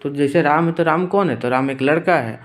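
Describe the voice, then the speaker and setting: A man's voice: fairly high pitch, brisk. A young man teaching an exam-prep grammar lesson, explaining step by step and checking in with the listener after each point. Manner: explains step by step, repeats terms, says "theek hai" often.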